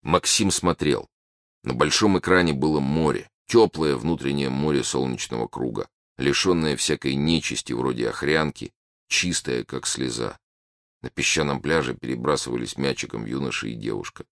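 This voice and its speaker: A man narrating an audiobook in a measured storytelling manner. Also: extremely low pitch, fairly bright tone, no room sound, studio quality. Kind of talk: scripted narration.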